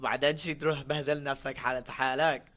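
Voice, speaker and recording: A blunt older mother scolds her son in a rapid stream of words and then finishes with a flat, cutting remark, as her son acts her out. The voice stays close to his own low everyday tone. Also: natural voice. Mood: scolding. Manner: rapid scolding in Arabic, blunt English jab.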